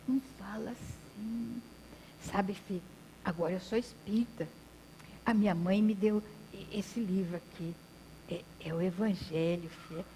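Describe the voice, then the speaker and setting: A woman voicing a gentle, frail, toothless old country man who speaks softly and haltingly. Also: mid-range voice, a little hiss or hum, natural voice, poor audio. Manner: soft, halting, calls others "fia".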